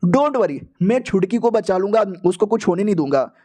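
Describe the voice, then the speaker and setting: A man's voice: high voice, expressive, moderate pace, dark tone. A man doing a bossy old scheming grandpa.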